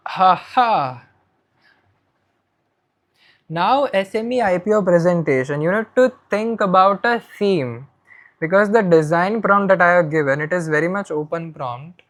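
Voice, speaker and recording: A man's voice: sits high, lively intonation, normal speed, a bit bright. Chatty Indian man teaching on screen. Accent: Indian English. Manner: chatty, thinks aloud while working on screen. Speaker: educator for accounting students. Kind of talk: casual screen-share tutorial.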